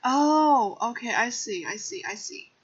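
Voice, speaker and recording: A woman game livestreamer chats casually with her viewers, scattered and self-deprecating. Her fairly high voice is animated and slightly rough, and she keeps a measured pace. Music plays behind her on a dull, lo-fi mic.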